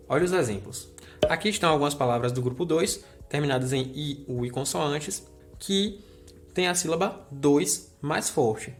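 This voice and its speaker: A man explains a grammar lesson in a friendly manner. He checks in with the viewer as he goes, in a voice that sits a little high for a man. Soft music plays faintly under him. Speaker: teacher.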